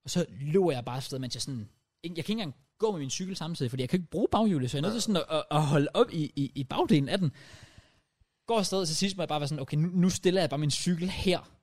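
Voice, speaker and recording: A young man on a podcast, telling a story in lively casual chat and dropping English slang into his speech. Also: a little high. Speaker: podcast co-host.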